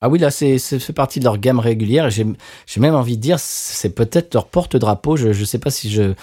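A man chatting casually while tasting beer, lively and repeating words as he searches for them. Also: medium pitch, a little fast. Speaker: beer taster. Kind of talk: casual chat.

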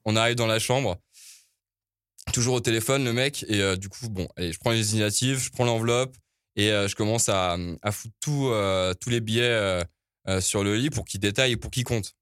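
Low-voiced man telling a slangy story. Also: normal speed, a bit bright, clean tone, no echo, studio quality. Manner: slangy, conversational, frequent hesitations. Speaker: event organizer. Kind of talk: casual storytelling.

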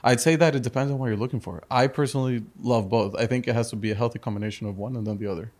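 Racing along with a darkish tone, a medium-pitched voice and fairly even intonation, a thirty-something entrepreneur who grew up in Spain gives a casual interview. Earnest throughout, he restarts his sentences and tacks on "correct?".

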